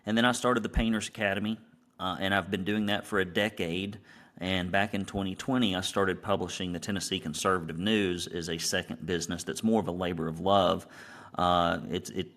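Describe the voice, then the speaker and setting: A middle-aged business coach and founder of a painting academy, from Alabama, appears as an interview guest and tells conversational stories about his work in a Southern US accent. His voice sits low and steady, brisk and a bit bright.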